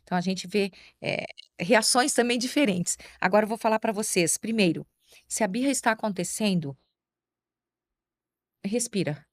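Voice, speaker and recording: A woman's voice: medium pitch, normal speed, no room sound. Woman on a podcast, patient, explains things step by step, dry close sound. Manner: calm, explains step by step and acts out gentle words to a child. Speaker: guest educator. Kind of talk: advice talk on a podcast.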